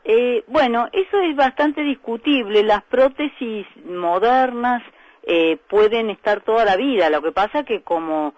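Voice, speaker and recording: A woman doctor with an Argentine accent, calmly explaining medical points as a guest in a radio interview, with frequent hesitation fillers. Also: a little high, a little slow, no echo, rough recording. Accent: Argentine Spanish. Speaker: breast specialist doctor, guest.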